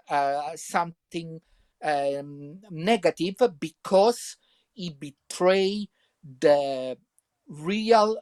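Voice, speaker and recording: A guest author, an Italian man speaking English as a second language, answers interview questions haltingly with a strong Italian accent, repeating himself and using many fillers. His voice is a little high, and the recording is dry.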